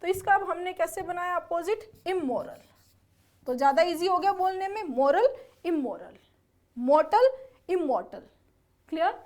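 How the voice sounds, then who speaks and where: A woman's voice: very high-pitched, expressive, normal speed, a little mellow. A woman giving an exam-prep lesson, explaining words step by step and often checking whether her students follow. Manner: spells words out letter by letter. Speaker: English teacher for exam preparation.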